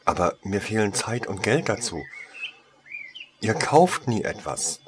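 A man voicing a female wand shop saleswoman who talks with eager, servile flattery in a storybook reading. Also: lowish voice, measured pace, background noise.

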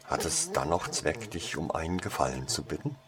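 A man's voice: rumbling low, animated, moderate pace, crowd noise. A man voicing a guarded teenage schoolboy who speaks hesitantly with dry irony. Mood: wry. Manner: hesitant, ironic. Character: shy, guarded teenage schoolboy, dryly ironic.

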